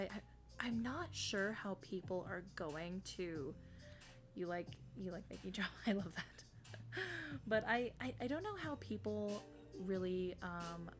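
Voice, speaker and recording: Woman streamer, mid-pitched and leisurely, a bit sniffly; rambles, then lights up greeting chat. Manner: rambling, self-deprecating, bursts into excited greetings when reading chat. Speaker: streamer debuting a virtual fairy-empress persona. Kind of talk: casual live-stream chat with viewers.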